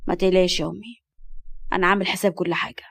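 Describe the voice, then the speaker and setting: A woman voicing a firm, protective young man in a lowered voice, with an Egyptian accent. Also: little pitch movement, racing, gravelly. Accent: Egyptian Arabic.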